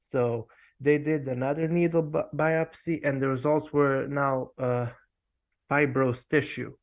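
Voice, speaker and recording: A man calls in to a live show. He speaks slowly and hesitantly, with many fillers and a lot of detail. His audio sounds dull and lo-fi, and his pitch sits in the middle. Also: steady tone. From Serbia. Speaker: caller.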